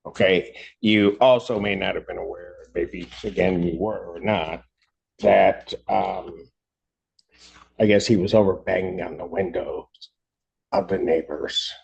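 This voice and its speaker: A man serving as judge in a court hearing, speaking carefully and apologetically with many pauses and restarts. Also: low-pitched, fairly even intonation, creaky, darkish tone, slightly rough, highs cut off. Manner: apologetic, measured.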